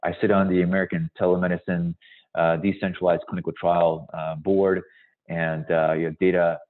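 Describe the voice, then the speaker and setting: Born in Hungary and brought to the US as a child, this company founder in his forties is a guest presenter on a webinar, presenting and taking questions. He explains in a measured, emphatic way with a low, level voice, and the call audio sounds thin and phone-like.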